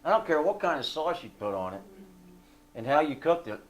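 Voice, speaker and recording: A man leading a fellowship group, telling a story in a casual, animated way and asking the listeners for agreement. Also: fairly high pitch, brisk.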